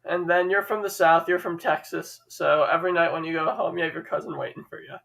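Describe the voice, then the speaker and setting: A man's voice: a little high, steady tone, vocal fry, a bit bright, rough recording. A man with a Chicago accent co-hosting a casual sports commentary stream, calling plays and teasing his partner. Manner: teasing, quick play-by-play. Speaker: co-host and commentator.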